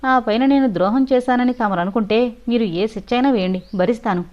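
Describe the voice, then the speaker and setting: A woman's voice: a little high, a little fast, lightly acted. Tearful pleading loyal manservant, read by a woman, storybook voice, dull lo-fi sound. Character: loyal pleading male servant. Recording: dull lo-fi recording.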